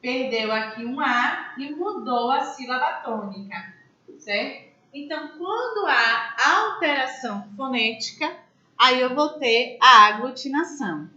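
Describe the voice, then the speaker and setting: A woman's voice: sits high, animated, a little slow, sharp tone, reverberant, muffled recording. A woman teaching a grammar class, explaining step by step and asking her students questions. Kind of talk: online class lecture.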